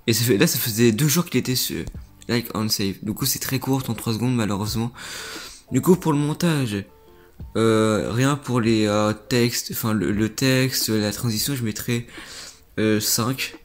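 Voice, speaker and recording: A man's voice: medium pitch, unhurried, soft background music. A young man, a gaming YouTuber, rambling through casual reaction commentary on viewer clips and often repeating himself.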